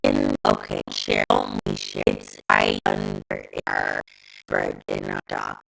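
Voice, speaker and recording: A woman co-hosting a casual chat, her voice coming through a robotic, metallic, pitched-down distortion on an online call, talking in a halting way with fillers. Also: flat delivery, vocal fry, fairly bright tone, faint music behind.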